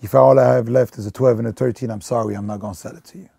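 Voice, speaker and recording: A Belgian man in his thirties who manages a sneaker store chats casually for a documentary interview, rambling with plenty of fillers and false starts. His medium-pitched voice is gravelly and dark, steady in tone but racing along, slightly rough, captured cleanly in a studio with no echo.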